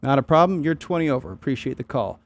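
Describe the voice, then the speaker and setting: A man with a mid-pitched voice hosts an amateur radio net over clear background noise. He takes check-ins casually, reading out phonetic call signs. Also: expressive, quick pace.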